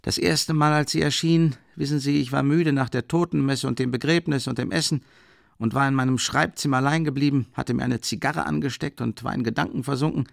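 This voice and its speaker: A man's voice: medium pitch, fairly even intonation, a little fast, vocal fry, no room sound, clean studio sound, natural voice. A man reading an audiobook, voicing a worldly middle-aged man who talks in a raised, wondering, rambling way.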